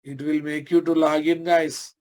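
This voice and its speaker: Telugu-accented Indian man teaching software. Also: a little high, flat delivery, normal speed. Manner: conversational, often addresses listeners, asks checking questions. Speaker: programming instructor. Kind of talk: informal live software lesson.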